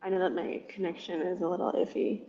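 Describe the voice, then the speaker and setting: A woman's voice: on the low side, little pitch movement, fast talker. A woman moderating a casual Q&A over a video call with a bad, patchy internet connection. She talks in a chatty way, with many ums and likes. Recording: dull lo-fi call audio with faint noise.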